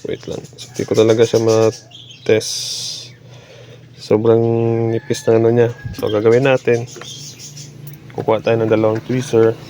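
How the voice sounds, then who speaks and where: With a Filipino accent, a repairman explains a hands-on fix in halting, casual Tagalog mixed with English technical words as he works. His lowish, mellow voice stays completely flat. Dull lo-fi audio carries faint background noise.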